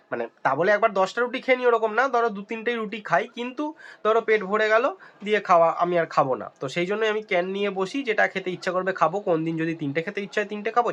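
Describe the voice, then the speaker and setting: A young man chatting excitedly to viewers in a casual daily vlog. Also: high-pitched, dull audio. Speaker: vlogger. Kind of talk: casual vlog chat to camera.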